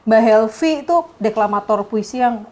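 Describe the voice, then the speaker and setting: A woman's voice: a little high, steady tone, moderate pace, warm tone. A woman hosting an interview, chatting casually and enthusiastically. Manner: enthusiastic, effusive. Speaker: interview host. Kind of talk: casual chat.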